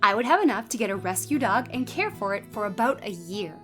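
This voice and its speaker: A woman's voice: mid-range voice, big pitch swings, a little fast, a bit bright, faint music behind. A woman playing an earnest, defensive young woman in a comedy sketch, speaking insistently.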